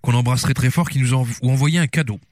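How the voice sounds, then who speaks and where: A man's voice: medium pitch, fast talker, darkish tone, dry recording. A man from Switzerland hosting a casual group chat, keeping things moving with cheerful asides while his mouth still burns from hot pepper. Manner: cheerful, leads the talk between jokes. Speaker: podcast host.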